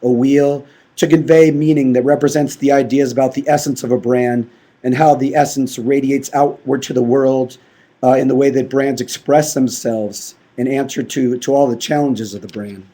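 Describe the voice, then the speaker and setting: A man presenting on brand design at a live session, short of voice and clearing his throat often. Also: medium pitch, fairly even intonation, moderate pace, dark tone. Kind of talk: conference presentation.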